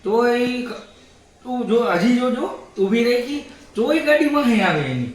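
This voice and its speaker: A man's voice: extremely high pitch, unhurried. A man casually telling a story on a family vlog, acting out what others said. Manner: animated retelling with acted-out quotes. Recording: very echoey room, distant mic.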